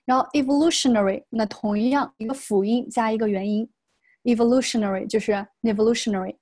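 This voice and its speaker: Woman, slightly high voice, pronunciation teacher, lesson, slow model readings. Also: a little mellow. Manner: models English phrases slowly and explains them.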